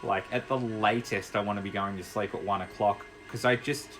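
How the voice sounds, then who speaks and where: A man's voice: lowish voice, steady tone, brisk, fairly bright tone. A young man chatting casually as he plays and commentates a video game, rambling and laughing easily. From Australia. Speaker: gaming YouTuber. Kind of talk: casual commentary while playing. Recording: faint music behind.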